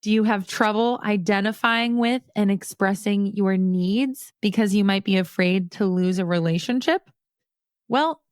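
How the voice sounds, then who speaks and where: An upbeat woman hosting a podcast, talking at a middle pitch. Her voice sounds dry and close, with no room around it. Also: clear, resonant tone, dry recording. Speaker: podcast host. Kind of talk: podcast interview.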